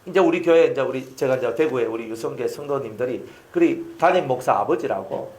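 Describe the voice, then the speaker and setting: A man's voice: mid-range voice, expressive, fairly quick, darkish tone, roomy sound. A man, preaching a sermon as a pastor and telling a personal story with emphasis.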